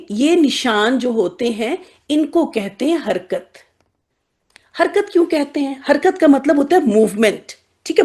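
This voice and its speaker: A woman whose voice is notably high and a little mellow teaches Arabic letters to a class. Patient in her explanations, she makes each letter a small character and keeps asking whether the students are following.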